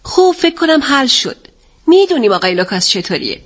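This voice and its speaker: Gushing middle-aged English lady in an audiobook, read by a woman, pitched high. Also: sing-song. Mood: wistful. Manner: gushing, rapturous. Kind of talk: audiobook reading.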